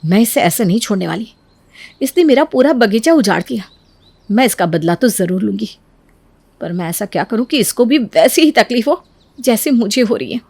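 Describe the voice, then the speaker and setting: A resentful elder daughter-in-law, voiced by a woman, mutters to herself about revenge in an animated storybook. She talks low and quiet, with a slightly high voice. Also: normal speed, vocal fry, breathy edge, full character voice. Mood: brooding. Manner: low, brooding.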